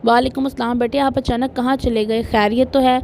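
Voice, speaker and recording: A kindly old grandfather who speaks calmly and affectionately, firm when he needs to be, read by a woman in her own voice. The voice sits fairly high. It is an audiobook romance. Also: gravelly, slight background noise. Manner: affectionate, calm, authoritative.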